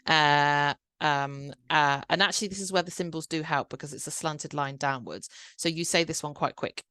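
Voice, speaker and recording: A woman's voice: low-pitched, normal speed, bright, forceful tone, clean tone, dry recording. A woman hosting a podcast, explaining things step by step in casual chat, with many restarts and fillers. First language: Cantonese. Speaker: podcast host.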